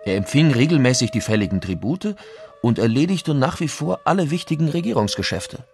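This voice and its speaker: In a dramatic reading of old chronicles for an audio documentary, a man voices a Spanish conquistador recounting events in a formal memoir as a reader of historical quotations. His medium-pitched voice has vocal fry and is animated and fairly quick, yet the mood stays measured and formal, with music behind him.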